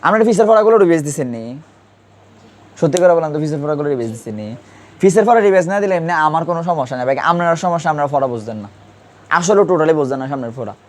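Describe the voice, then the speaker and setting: An Urdu grammar teacher quizzes his class with repeated questions during a lesson. His voice is on the high side, expressive, and he talks fast.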